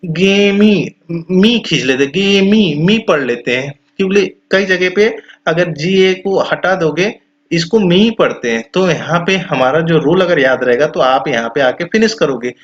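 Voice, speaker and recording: A male teacher with a slightly raised voice explains pronunciation rules, saying each example word slowly and drawing its vowel out. The recording sounds a little dull and lo-fi. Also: a little high, expressive. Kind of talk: explanatory lesson.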